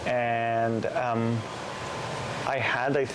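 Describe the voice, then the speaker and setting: A man in his thirties from Iran, a Persian speaker, talking thoughtfully in a casual interview with many pauses and restarts. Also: medium pitch, flat delivery, background noise. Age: 30s. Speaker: poet, guest.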